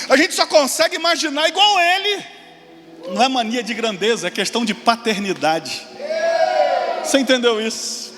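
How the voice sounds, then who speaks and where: In a sermon, a forties-aged pastor speaks with a very high, energetic voice, rising in excited exclamations and dropping to brief, quick asides. The sound rings out with long reverb in a large church hall over faint room hum.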